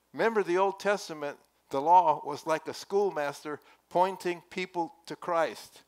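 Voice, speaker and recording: An older man preaching a sermon in a church sanctuary, speaking earnestly and conversationally with emphatic rises, through a headset mic. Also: a little high. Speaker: pastor. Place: church sanctuary at a wooden pulpit.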